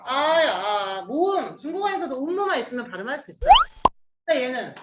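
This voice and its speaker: A woman's voice: high voice, big pitch swings, brisk, reverberant, heavy background noise. A woman teacher giving a casual Chinese pronunciation lesson, chatty and coaxing, drilling sounds aloud with her students.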